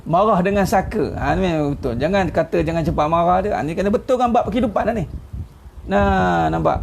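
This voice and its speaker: A gravelly, high-voiced Malaysian preacher. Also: male voice, normal speed, slight background noise. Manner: chatty, teasing, chuckles at his own jokes. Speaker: ustaz giving an online religious talk. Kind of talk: informal sermon.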